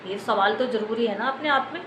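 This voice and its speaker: Recorded in an echoey room with clear background noise, this woman speaks with an Indian accent, offering unscripted news commentary that explains things to viewers wordily and repetitively. Her voice is a little high and a bit bright, and her pace is brisk.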